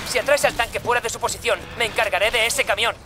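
A man's voice: very high-pitched, steady tone, fast, music in the background. A man playing a brusque, capable soldier in an action game, with a Castilian Spanish accent. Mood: urgent. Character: brusque, capable soldier, captain's second in command. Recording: loud gunfire and battle noise.

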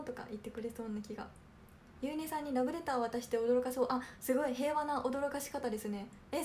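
Reading and replying to viewer comments, a young idol trainee from Kanagawa, Japan, chats casually on her livestream. Her voice is high and light, her manner gentle and polite, sprinkled with little fillers, while faint hiss sits beneath it.

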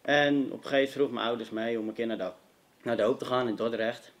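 A man's voice: medium pitch, steady tone, fast. Young man, earnest and emphatic, sharing his testimony with a youth audience. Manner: earnest, emphatic, direct address to listeners. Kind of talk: personal testimony to a youth meeting.

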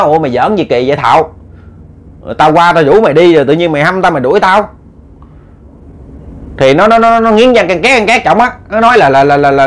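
A man's voice: high-pitched, pitched above the performer's own voice. A man with a Southern Vietnamese accent voicing an agitated younger village man who stammers out an indignant complaint. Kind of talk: storytelling voice acting.

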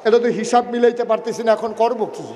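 A man preaching voices a proud, sly tyrant king in a lower, coaxing tone, with a Bangladeshi colloquial accent. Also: little pitch movement, fast, dark tone, roomy sound, in a large hall. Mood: puzzled.

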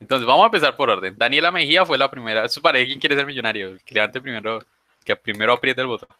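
A man's voice: mid-range voice, quick pace, sharp tone. A male teacher leading an online English class, patiently explaining rules step by step.

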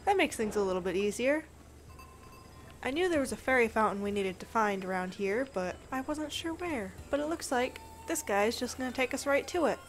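A woman's voice: a little high, lively intonation, fairly quick, slight background noise. A woman hosting a gameplay video, giving casual commentary in a chatty, playful way, thinking aloud as she plays.

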